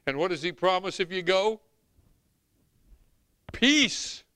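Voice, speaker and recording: A middle-aged or older man preaches with a Southern US accent. His voice is somewhat high, bright and clear, with a dry, close sound. He delivers scripture and commentary in a folksy, emphatic sermon style. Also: fast, no room sound. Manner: emphatic, folksy, swinging from hushed asides to shouts. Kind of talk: animated sermon with scripture reading.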